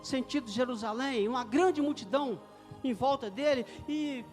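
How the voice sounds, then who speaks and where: High-voiced fervent male preacher. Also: normal speed. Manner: fervent, swelling to loud declarations. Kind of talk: sermon. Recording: echoey hall with music behind.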